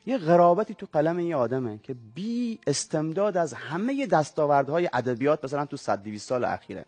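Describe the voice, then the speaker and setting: Reflective man, fairly high voice. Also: sing-song, darkish tone, no room sound. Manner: reflective, measured literary talk. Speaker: guest. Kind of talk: talk show interview and reading aloud.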